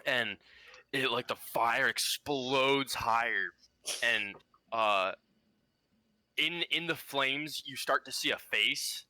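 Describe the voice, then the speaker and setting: A man's voice: medium pitch, takes it slowly, pauses often, sharp tone, no echo, poor audio. A man narrating a tabletop game as game master, in loose speech with a lot of "like.".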